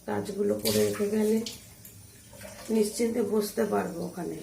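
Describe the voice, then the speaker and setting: Chatty mother with a gravelly voice. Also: mid-range voice, fairly even intonation, normal speed, reverberant, very noisy. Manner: chatty, narrating chores as she goes. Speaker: vlogger, mother. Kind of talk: casual vlog narration. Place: home kitchen, indoors.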